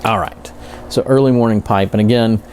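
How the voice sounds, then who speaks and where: A man giving a casual, rambling product review, halting and correcting himself as he goes. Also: lowish voice, fairly even intonation, a little mellow, slight background noise. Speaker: pipe tobacco reviewer.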